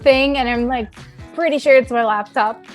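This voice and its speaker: A woman's voice: sits high, moderate pace, faint music behind. A woman from Thailand, a podcast guest, talking in a cheerful, self-deprecating way. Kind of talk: casual podcast conversation.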